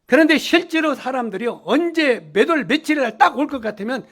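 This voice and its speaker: A man preaching a sermon to a congregation as a lay preacher, emphatic, swinging from loud lines to near-whispers. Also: extremely high pitch, expressive, fairly quick.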